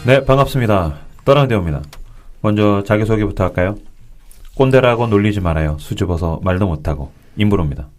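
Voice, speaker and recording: A man hosts a relaxed talk show with friends, his pitch jumping around with animated energy. He laughs easily and turns to greet the listeners. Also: a little fast, faint music behind. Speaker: podcast host. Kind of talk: casual chat.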